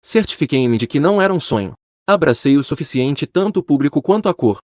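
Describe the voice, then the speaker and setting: Guy reading a romance story out loud, first person, bouncy animated pitch, super dry close sound. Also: brisk, dry recording. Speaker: narrator.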